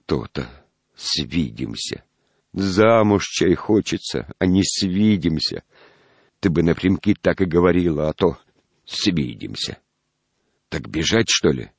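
A man's voice: low voice, sing-song, slow, gravelly, breathy edge, dry recording, heavily acted. A man doing a jealous, bitter young recruit. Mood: reckless sulky. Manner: trembling, sulky.

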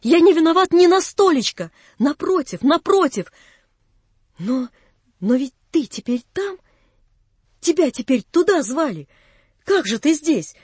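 A woman voicing an eager, flustered young nobleman who pleads his innocence in an excited, rushed way in a storybook reading. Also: high-pitched, no echo, voice pushed up. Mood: excited pleading.

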